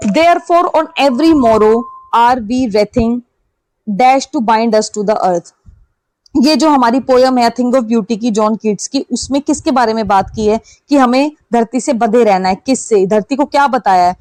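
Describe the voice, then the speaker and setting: A woman with an Indian accent teaching an online exam-prep lesson. She explains in Hindi, reads the English questions slowly, and asks and answers her own questions. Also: on the high side, darkish tone, no room sound, low-quality recording.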